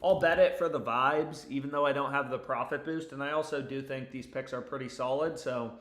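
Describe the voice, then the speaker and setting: A young adult man hosts a livestream giving betting picks, chatting casually in sweary frat-bro slang. His medium-pitched voice is brisk and fairly bright. The indoor sound is roomy and echoey.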